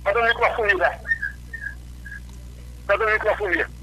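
Calling in to a radio show from Northeast Brazil, this man rambles through greetings to his friends over a crackly cordless phone line. His voice is high-pitched, bright, and forceful, at a fairly quick pace.

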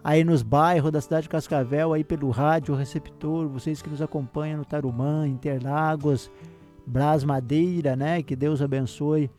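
A man from Brazil hosting a religious radio program, addressing listeners with a warm pastoral manner. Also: a little high, fairly even intonation, normal speed. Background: soft guitar music.

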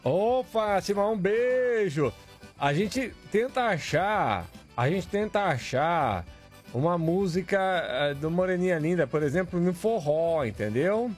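A man's voice: high-pitched, lively intonation, measured pace, faint music behind. A man with a Brazilian Portuguese accent hosting an early morning radio request show, chatty and upbeat. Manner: chatty, upbeat, sings along between requests.

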